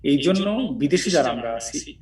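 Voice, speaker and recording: A man's voice: fairly high pitch, lively intonation, moderate pace, recorded from a distance, rough recording. A man from Bangladesh teaching pronunciation in casual talk, modeling English words and explaining where to put the stress. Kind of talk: informal teaching chat.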